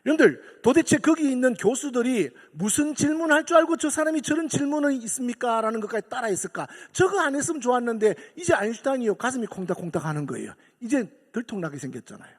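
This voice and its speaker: Lively high-voiced Gyeongsang pastor preaching. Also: male voice, quick pace, hardly any pauses, husky. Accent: Gyeongsang Korean. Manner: animated storytelling building to emphatic exhortation. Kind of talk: sermon. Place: church sanctuary. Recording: long hall reverb of a church.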